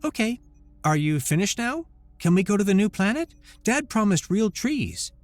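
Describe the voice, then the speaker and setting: A man voicing an earnest, blunt little girl in a sci-fi audio story, speaking slowly and seriously. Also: high-pitched, sing-song, no room sound, soft background music, pitched above the performer's own voice. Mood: eager.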